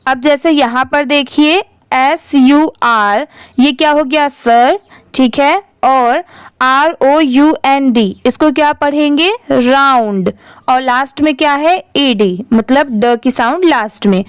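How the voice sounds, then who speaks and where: A woman's voice: high-pitched, takes it slowly, no echo. A woman teaching English reading, spelling words out letter by letter and patiently repeating each one before blending it. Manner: patient, repeats each word several times. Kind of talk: slow spelling-out lesson.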